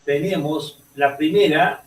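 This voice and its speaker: A male teacher lecturing a class, halting and restarting often and checking in with "ok?" as he goes. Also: a little high. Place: echoey classroom. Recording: roomy classroom audio, mic far off.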